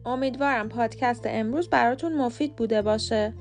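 Woman, persian native, fairly high voice, scripted pronunciation podcast, spells words out slow. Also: faint music behind. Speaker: podcast host teaching English pronunciation.

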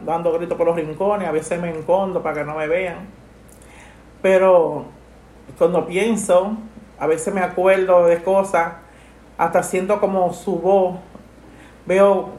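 A middle-aged woman, talking softly and haltingly about her late mother, full of grief. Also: fairly low pitch, reverberant. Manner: grieving, soft and halting, with many restarts. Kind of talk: emotional personal conversation.

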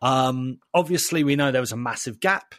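A man's voice: mid-range voice, normal speed, fairly bright tone, dry recording, clean studio sound. A man with an Essex accent hosting a casual podcast with blokey, enthusiastic banter. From Essex, England. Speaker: podcast host.

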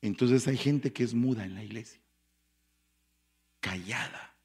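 A man preaching a sermon as pastor, telling stories dramatically with sudden loud bursts and quiet asides. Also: medium pitch, a little slow.

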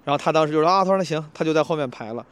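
Fast-talking man telling a story. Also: on the high side, clear, resonant tone. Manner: animated, acts out quarrels in raised voice. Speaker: comedian vlogger. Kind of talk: casual storytelling vlog.

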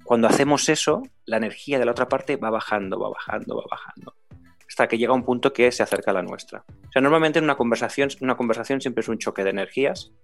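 A middle-aged man talks through communication principles in a measured teaching voice. He asks his co-host questions along the way. Faint music plays behind him. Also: mid-range voice. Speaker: communication trainer. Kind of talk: explanatory talk.

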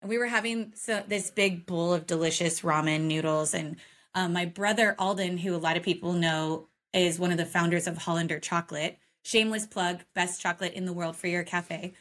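Speaking fairly quickly in a lowish, slightly bright voice with a steady tone, this Oregon podcast co-host talks coffee business casually from her home overlooking a forest. Her chat is full of fillers and she laughs often.

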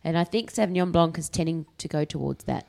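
Woman, 30s, casual co-host, lowish pitch, confident wine talk. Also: fast talker, vocal fry, darkish tone. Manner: chatty, self-styled wine expert. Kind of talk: casual wine-tasting chat.

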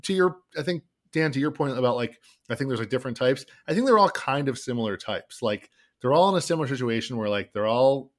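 A man co-hosting a podcast, recapping a film in casual chat, rambling with many fillers. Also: mid-range voice. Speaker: podcast co-host.

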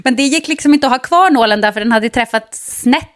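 Young woman, casual chat, lively storytelling, fairly high voice. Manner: animated storytelling, acts out quotes.

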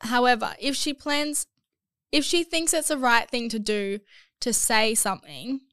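A young woman co-hosts a casual podcast, her voice congested from a cold. Her voice is smooth and a little high, and she talks in loose, trailing sentences that she keeps restarting. It is recorded close and dry, with no room sound. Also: a little slow, fairly bright tone, dry recording. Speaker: podcast co-host. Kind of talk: casual chat.

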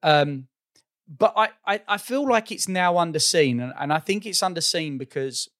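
A man in his forties with an Essex accent, chatting casually about film in an informal, fairly monotone way. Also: fairly high pitch, moderate pace, dry recording, studio quality. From Essex, England. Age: 40s. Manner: self-described monotone, informal.

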